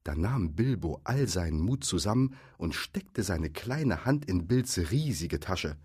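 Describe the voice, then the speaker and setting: A man reading a storybook aloud, lively and expressive, in a low voice. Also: a little slow, slightly rough. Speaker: narrator.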